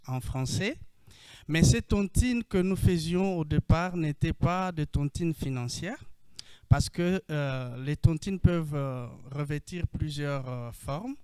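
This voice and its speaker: Slow-speaking Congolese French man. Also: on the high side, darkish tone, clean tone, dry recording. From Democratic Republic of the Congo. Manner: measured, with frequent hesitations. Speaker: panelist, co-op founder. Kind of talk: panel introduction.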